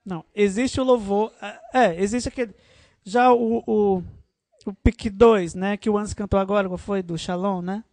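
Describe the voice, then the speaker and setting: A woman leading a worship workshop in an informal, animated teaching style, often adding tag questions. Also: medium pitch, normal speed, no room sound.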